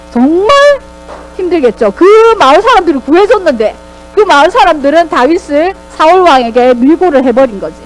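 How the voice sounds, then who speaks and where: A woman Sunday school teacher giving a children's sermon in a lively way, often asking the kids questions. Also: high voice, rough recording.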